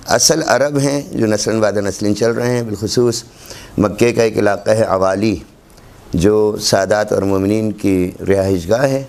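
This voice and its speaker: A man's voice: on the low side, darkish tone. A man teaching a class on Quran recitation rules, explaining step by step and repeating examples. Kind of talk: classroom lecture.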